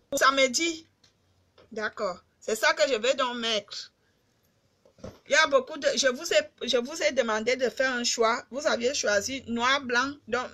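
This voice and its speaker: A woman's voice: sits high, sharp tone. A middle-aged woman from Cameroon with a Cameroonian accent, chatting casually and emphatically to her fans on a live video stream. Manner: emphatic, repetitive, addresses fans directly.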